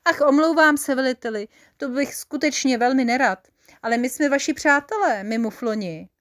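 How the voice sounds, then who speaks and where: A big-horned mouflon commander from a children's storybook speaks with soft, sweet courtesy, as a woman puts him on. The voice sits high and coos gently. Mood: polite.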